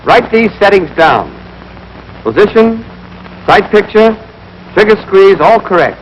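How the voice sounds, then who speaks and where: In a 1940s training film, a young American army instructor gives scripted, clipped, step-by-step marksmanship instruction. His high, sing-song voice keeps a measured pace. The noisy period soundtrack has its highs cut off.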